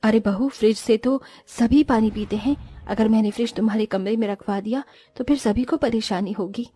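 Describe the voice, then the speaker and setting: A woman's voice: fairly high pitch, normal speed, warm tone, husky, no room sound. A woman voicing a stingy, bossy middle-aged mother-in-law in a cartoon story, with a grumbling way of talking.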